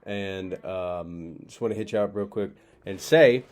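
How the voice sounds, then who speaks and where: A vlogger chats casually to camera from his home kitchen, speaking into a laptop microphone. His voice is deep and darkish and a little slow, and he comes across as laid-back and slangy, rambling with lots of fillers.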